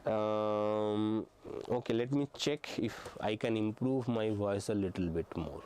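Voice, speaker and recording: Speaking slowly in a lowish, darkish voice that is clear and resonant, a young man teaches physics exam prep online. His step-by-step explanations are full of "uh" and "um," and he keeps checking in with "okay."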